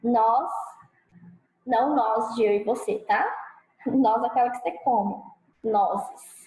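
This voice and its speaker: A Brazilian woman teaching a grammar lesson, checking in with her students often and sounding out example words slowly and loudly. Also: a little high, roomy sound, low-quality recording. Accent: Brazilian Portuguese. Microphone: clip-on mic.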